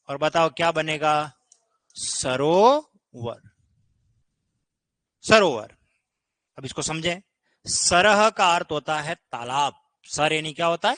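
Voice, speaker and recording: A man's voice: high voice, sharp tone, no echo. A man teaching grammar in an online exam-prep lesson, explaining patiently and often checking that students follow. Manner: explains patiently, keeps asking "ठीक है?".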